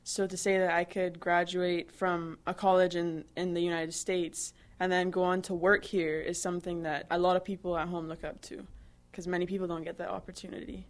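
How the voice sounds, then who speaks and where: A woman in her twenties from Barbados, a new employee, answers interview questions chattily. Her voice is on the low side, flat and brisk, and she uses many fillers and restarts.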